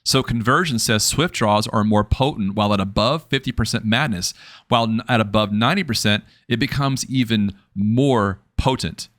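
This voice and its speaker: A man's voice: on the low side, moderate pace, a bit bright, no echo, clean studio sound. A man hosting a video game tutorial, explaining mechanics over gameplay and checking in with the listener as he goes. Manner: explanatory, repeats "okay?" and "right" to check in. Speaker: game guide host.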